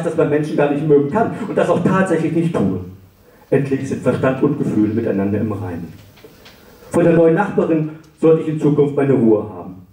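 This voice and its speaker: A man reading his own darkly comic first-person stories at a live event, dry and sarcastic, often breaking into shrill mock-furious rants. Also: dark tone. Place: library event hall. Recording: roomy hall, voice far from the mic.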